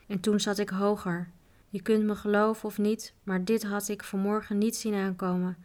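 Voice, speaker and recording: A woman voicing Piak, a gruff, practical male mountain guide who grumbles matter-of-factly, in a storybook reading. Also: medium pitch, flat delivery, normal speed, a little mellow, close to an everyday voice.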